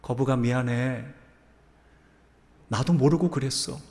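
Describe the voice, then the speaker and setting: A sheepish scorpion mumbling its apology in a soft, quiet voice, as a male preacher acts it out. A long hall reverb follows the words. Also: medium pitch, a little slow, close to an everyday voice.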